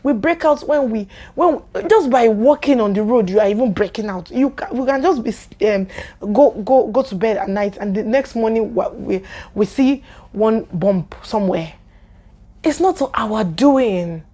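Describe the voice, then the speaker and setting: A woman's voice: a little high, mellow. A young Nigerian woman vlogger with a Nigerian accent, ranting angrily to camera and firing off exasperated rhetorical questions. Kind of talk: angry rant to camera.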